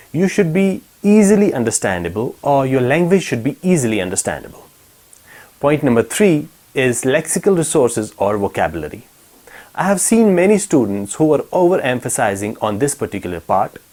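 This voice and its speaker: A young man delivers an exam-preparation lesson, walking through his points one at a time. His pitch rises and falls freely as he explains, and he keeps a steady, instructive manner throughout. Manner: explanatory, lists numbered points. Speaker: English teacher.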